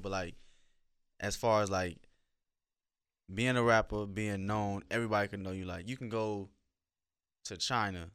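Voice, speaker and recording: A man with a lowish, smooth and clear voice, explaining his points in a laid-back, rambling way while chatting with a co-host. The sound is dry and close. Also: fairly bright tone, dry recording. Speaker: podcast co-host. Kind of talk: casual chat.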